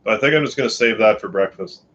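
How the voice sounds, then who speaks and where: A man's voice: fairly low pitch, quick pace, a bit bright, muffled recording. A tired man from Canada chatting casually and rambling on a late-night live stream from his bedroom. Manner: sleepy, rambling, yawning. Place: home bedroom.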